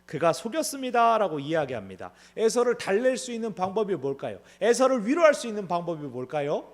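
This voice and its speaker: A man's voice: high-pitched, very animated, fairly quick. A man pastor preaching an expository sermon in a conversational way. He asks rhetorical questions and acts out the characters' lines in dramatized voices.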